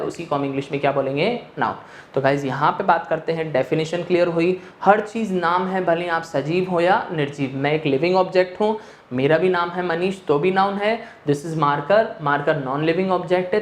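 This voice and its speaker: A man's voice: a little high, slight background noise. Guy teaching english grammar, asks a question then answers it himself, roomy echoey sound. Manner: mixes English phrases into Hindi explanation. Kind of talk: online classroom lecture. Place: teaching room with a board. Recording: echoey room.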